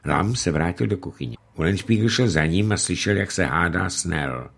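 A man narrating an audiobook in an animated, theatrical reading. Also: deep voice, husky.

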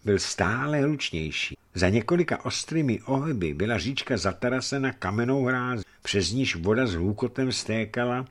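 A man narrating a historical adventure story in an expressive reading style. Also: medium pitch, hardly any pauses.

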